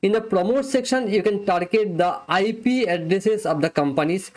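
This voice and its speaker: A young man giving a plain, step-by-step screen-recorded software review and demo, talking close to a webcam mic in a small room. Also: sits high, normal speed.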